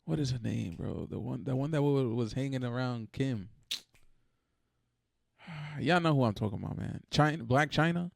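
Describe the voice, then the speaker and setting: A man's voice: medium pitch, expressive, moderate pace, vocal fry, long pauses, no room sound, studio quality. A man hosting a reaction video, talking in a blunt, profane, exasperated casual rant.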